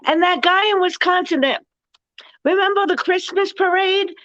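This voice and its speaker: A woman co-hosting a political talk show, talking in an indignant, rambling, rapid-fire way. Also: very high voice, a bit bright, highs cut off.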